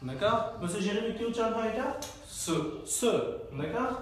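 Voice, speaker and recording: High-voiced man teaching in an echoey room. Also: expressive, a little slow. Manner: asks questions and answers them himself. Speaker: French language teacher. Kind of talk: live online lesson. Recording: echoey, distant, faint noise.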